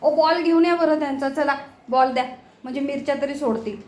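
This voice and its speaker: High-voiced woman fondly scolding her pets. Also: a little fast, a little mellow, roomy sound. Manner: fond exasperated scolding in baby talk. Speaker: pet owner filming her cats. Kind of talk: casual home video chatter to pets. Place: home kitchen.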